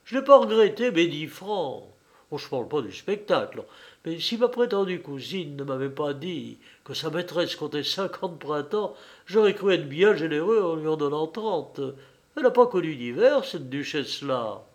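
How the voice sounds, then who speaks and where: A man's voice: fairly high pitch, sing-song, normal speed. A man reading the part of a shrewd, devoted young hunchback who speaks fervently and slyly.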